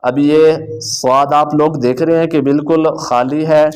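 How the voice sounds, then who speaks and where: A man teaching beginners the Arabic letters, drawing out each letter name in a slow chant between quick explanations. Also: fairly high pitch, steady tone, darkish tone, clean tone. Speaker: Quran teacher.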